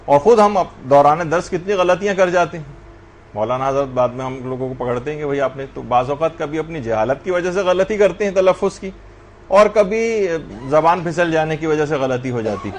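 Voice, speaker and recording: A man's voice: on the high side, lively intonation, slight background noise. A man teaching a religious class, lecturing earnestly and addressing his students directly.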